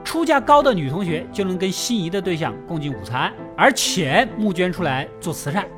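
A man's voice: sits high, sing-song, brisk. A man narrating a film recap in a chatty storytelling way, tossing in playful asides to the listener. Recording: voice-over over loud film music.

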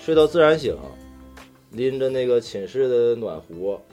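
Mellow Northeastern Chinese man telling stories. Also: mid-range voice, expressive, normal speed, soft background music. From Daqing, northeastern China. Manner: earthy, slangy, swearing. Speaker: talk show storyteller among friends. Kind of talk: casual chat, personal anecdotes.

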